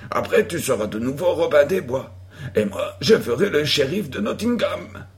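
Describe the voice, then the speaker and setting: A man's voice: on the high side, sing-song, moderate pace, gravelly. A man voicing an eager young boy who plays the rival in a pretend fight, in a stubborn, earnest manner.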